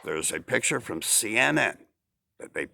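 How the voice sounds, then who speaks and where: A man's voice: on the low side, big pitch swings, moderate pace, vocal fry, sharp tone, no room sound. A man talking in a rambling casual monologue, repeating himself and asking rhetorical questions. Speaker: vlogger.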